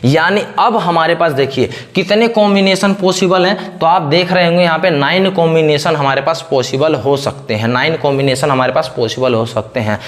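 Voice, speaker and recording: Male chemistry teacher, slightly high voice, lectures by asking rhetorical questions and answering them. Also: brisk, hardly any pauses. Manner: repeats a fixed question-and-answer pattern. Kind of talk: classroom lecture.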